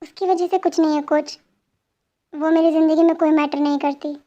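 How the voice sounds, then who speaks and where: A woman voicing a heartbroken young male boxer who answers quietly in an amateur fan dub. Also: high-pitched, steady tone, a little fast, dull audio, close to an everyday voice. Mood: subdued. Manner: quiet, subdued replies.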